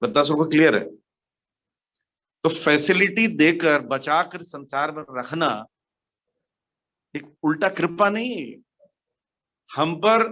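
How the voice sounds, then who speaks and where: A man's voice: fairly high pitch, fairly bright tone. A man giving a devotional scripture class online, explaining patiently and checking that listeners follow, his voice carrying a heavy echo like in a cave. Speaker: devotional speaker. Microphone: speaks into a mic for an online class. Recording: echoey room sound.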